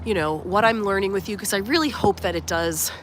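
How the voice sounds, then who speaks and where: Here the same life coach and channel host has a mid-range voice, speaking fairly quickly against a noisy background as she walks through a resort at sunrise on a live stream. Slightly nasal with a cold, she stays warm, earnest, and reflective while leaning heavily on fillers like "um" and "like."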